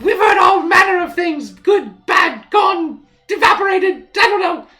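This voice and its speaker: Squeaky tipsy halfling. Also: female voice, lively intonation, a little slow, exaggerated voice. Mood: excited. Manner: loud, exclaiming. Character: tipsy, excitable small halfling wine seller.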